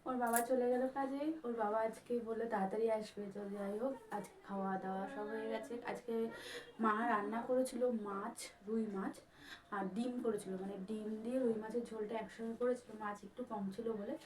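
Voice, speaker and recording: A woman's voice: fairly high pitch, fairly even intonation, fairly quick, a little mellow, far from the mic, slight background noise. A woman casually narrating her day at home for a vlog, chatty and rambling, talking straight to her viewers. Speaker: vlogger. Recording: echoey room.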